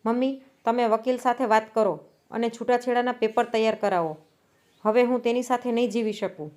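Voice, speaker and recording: A woman voicing a stubborn, proud young wife in a storybook reading, with a sharp, defiant delivery. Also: fairly high pitch, steady tone, a little fast, natural voice. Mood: angry. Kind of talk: storybook narration.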